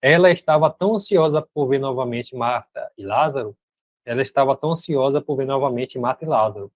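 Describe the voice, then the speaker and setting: A Brazilian man gives a sermon, moving between reading a story aloud and explaining it to his listeners. He talks in a relaxed, conversational way, often checking in with them. The sound is dry and slightly muffled. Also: medium pitch, brisk, no room sound. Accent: Brazilian Portuguese. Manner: conversational, frequent tag questions "né?". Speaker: preacher. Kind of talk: sermon mixing reading and commentary.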